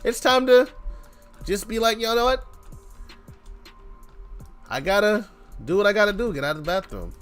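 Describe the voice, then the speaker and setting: A man with a high voice and lively intonation talks at a moderate pace, leaving long pauses. He's hosting a game developer's livestream with background music, rambling casually, joking and playing out little imagined exchanges.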